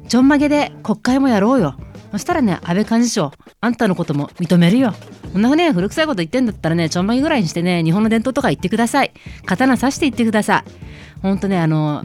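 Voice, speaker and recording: A woman's voice: mid-range voice, darkish tone. A woman hosting a talk radio show, giving casual news commentary in sarcastic, outspoken rants. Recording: faint music underneath.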